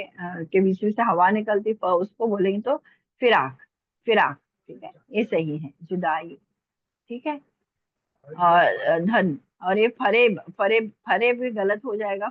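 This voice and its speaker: A woman's voice: mid-range voice, dry recording. Woman teacher, online call, patient and repetitive, dictation pace; tinny, dry line. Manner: patient, repeats words slowly for dictation. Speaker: Urdu teacher. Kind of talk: online language lesson.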